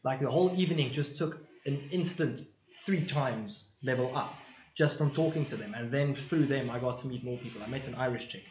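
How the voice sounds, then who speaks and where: A young man with a South African accent talks in a loose, jokey ramble and swears freely. His pitch sits in the middle. The recording carries a roomy echo. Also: fairly quick, a little mellow, a little hiss or hum. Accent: South African English. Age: young adult. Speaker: podcast guest. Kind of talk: casual podcast chat.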